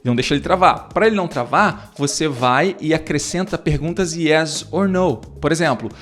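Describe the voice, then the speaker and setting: A man's voice: a little high, moderate pace, fairly bright tone, soft background music. A man teaching English, who explains lesson steps in a casual, talkative way full of fillers and restarts. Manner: talkative, many fillers and restarts, acts out teacher-student dialogues.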